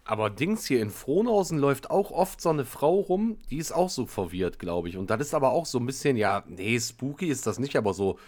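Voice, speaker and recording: Young man, casual chat, quick reactor, mid-pitched and expressive. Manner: chatty, reacts with short interjections.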